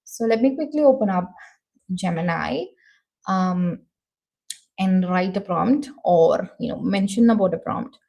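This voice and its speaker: A woman's voice: on the low side, animated, measured pace, creaky, mellow, muffled recording. A young woman with an Indian accent hosting a casual screen-share tutorial, thinking aloud with many fillers. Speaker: show host.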